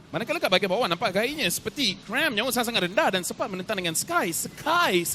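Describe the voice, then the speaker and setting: Bright-voiced Malaysian man casting esports. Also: sits high, sing-song, fast talker, slight background noise. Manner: casual, colloquial phrasing mixed with English game terms. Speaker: esports commentator. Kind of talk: live match analysis and commentary.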